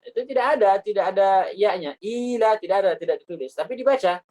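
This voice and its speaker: Female recitation teacher, patient explainer, slow repeated examples. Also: medium pitch, dark tone, low-quality recording. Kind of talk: explanatory religious lesson.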